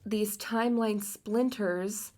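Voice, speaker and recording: A woman's voice: mid-range voice, fairly even intonation, takes it slowly, dark tone. A sleepy woman co-hosting a podcast in casual chat. She asks curious questions and fills her sentences with little fillers. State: sleepy, yawning. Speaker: podcast co-host.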